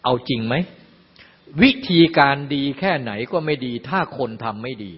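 A man's voice: mid-range voice, expressive, normal speed, breathy edge. An older man teaching a Buddhist dharma talk in a folksy way, explaining with everyday examples and asides. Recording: lo-fi, long hall reverb.

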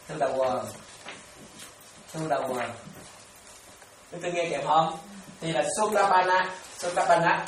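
A man, a Buddhist monk, gives a patient dharma talk at an even middle pitch. He repeats key terms and keeps asking if his listeners are following. His voice comes from a distance in a very echoey room, over a faint hiss.

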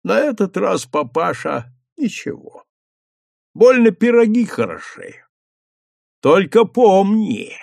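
Мужчина играет хитрого спокойного сыщика. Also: male voice, high-pitched, creaky, dry recording, pitched above the performer's own voice, heavily acted. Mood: warning. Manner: calm, mocking, drawn-out. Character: sly calm young male detective.

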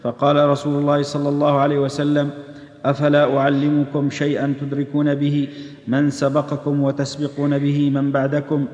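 A man reading religious texts aloud in a steady recitation. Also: a little high, fairly quick. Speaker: reader of hadith text. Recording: echoey hall, dull old tape.

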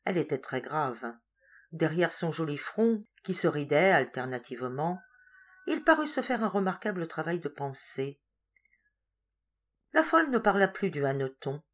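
A woman narrating a literary story in a measured, expressive reading voice. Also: deep voice. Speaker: audiobook reader. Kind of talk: scripted narration.

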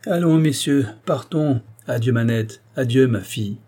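A man's voice: mid-range voice, measured pace, dark tone, close to an everyday voice. A man reading a proud, fiery young nobleman in an audiobook, with a declamatory, indignant delivery. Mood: defiant.

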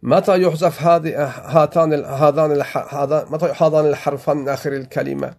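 A man's voice: fairly high pitch, fairly even intonation, quick pace, creaky, darkish tone. A man, a sheikh from Afghanistan, teaching an Arabic grammar lesson, explaining step by step and repeating his examples.

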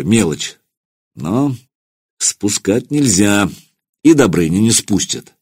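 A man reading an audiobook historical tale, dramatic and expressive. His voice sits low with a husky grain and a lively, animated pitch. The recording is dry and close to the mic. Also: dry recording. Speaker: narrator. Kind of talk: audiobook narration.

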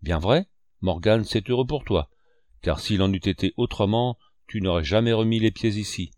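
Guy reading as a sly one-legged innkeeper, bluff and blustery, lowish voice, dry close sound. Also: normal speed, darkish tone, no room sound, lightly acted. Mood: blustering. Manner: bluff, blustering, theatrical indignation. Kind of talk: audiobook character reading.

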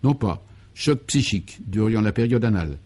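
A man's voice: lowish voice, animated, normal speed, darkish tone. A man playing a jovial colonial governor who explains things in a genial way, as comic radio serial acting.

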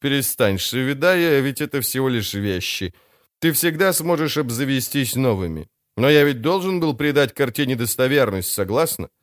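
A man voicing a vain, sly older male crime boss in an audiobook, smooth and self-justifying. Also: medium pitch, lively intonation, moderate pace, no room sound, studio quality, natural voice. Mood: smooth, expansive. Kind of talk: audiobook character voice.

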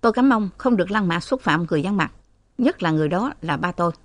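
A woman's voice: lowish voice, quick pace, dry recording, natural voice. A woman reading the lines of a proud, angry young male officer cadet in an audiobook. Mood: defiant. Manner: defiant, firm.

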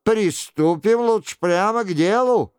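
A man's voice: high-pitched, measured pace, darkish tone, clean tone, no room sound, clean studio sound, voice pushed up. A man voicing a cocky, mocking Gascon nobleman. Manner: mocking, scornful. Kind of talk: audiobook character reading.

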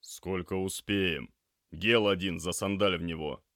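A man voicing a calm male emergency doctor who gives short, steady instructions. His voice is deep and low. The recording is close and dry, with no room sound. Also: unhurried, no echo.

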